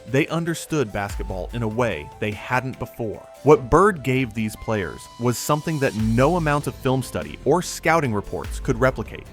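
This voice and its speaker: A man giving steady, scripted narration for a sports video. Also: medium pitch.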